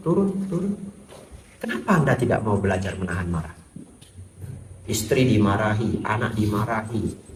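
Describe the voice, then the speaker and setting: A man, a Buddhist monk, gives a lively sermon full of humor and rhetorical questions in a temple hall. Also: fairly low pitch, a little hiss or hum. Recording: echoey hall, far from the mic.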